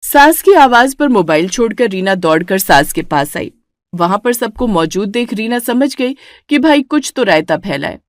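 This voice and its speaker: A woman narrating a cartoon story in an even storytelling manner. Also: mid-range voice, moderate pace, no room sound, clean studio sound.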